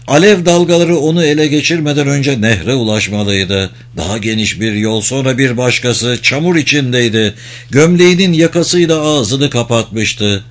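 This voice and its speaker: A man reading a novel aloud as an audiobook narrator, in a measured, steady storytelling delivery. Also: mid-range voice. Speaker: audiobook reader.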